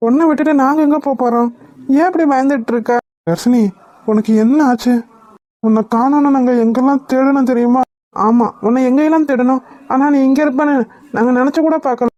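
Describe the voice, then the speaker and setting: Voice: high voice, darkish tone, dry recording, muffled recording, close to an everyday voice. A voice actor playing a grateful, protective young man in a cartoon, speaking with earnest feeling. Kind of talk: cartoon voice acting.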